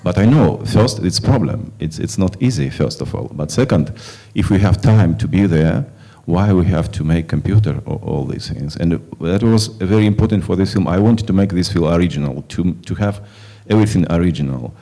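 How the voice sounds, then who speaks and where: A film director from Kazakhstan answering festival questions in halting, non-native English with many fillers and restarts. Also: male voice, sits low, lively intonation, dark tone. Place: film festival stage before an audience.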